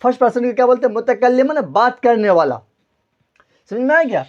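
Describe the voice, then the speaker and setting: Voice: medium pitch, expressive, darkish tone. A grammar teacher giving a classroom lesson, repeating each point and quizzing the listeners before answering their own questions. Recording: dull lo-fi recording.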